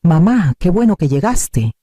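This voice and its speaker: A man reading the lines of an anxious grown daughter in a soft, hesitant way. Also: high-pitched, very animated, unhurried, dry recording, lo-fi sound, pitched above the performer's own voice, exaggerated voice.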